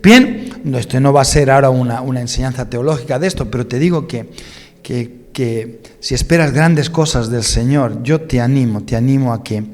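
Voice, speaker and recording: A pastor, preaching a sermon in a lively way that speaks directly to his congregation with questions and jokes. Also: medium pitch, normal speed, long reverb tail. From Spain. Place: church hall.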